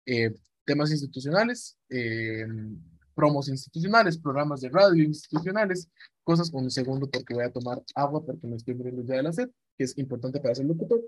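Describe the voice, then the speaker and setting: A man's voice: mid-range voice, lively intonation, brisk, no echo. A man gives an informal lesson on radio presenting, chatty, repeating himself and acting out example voices.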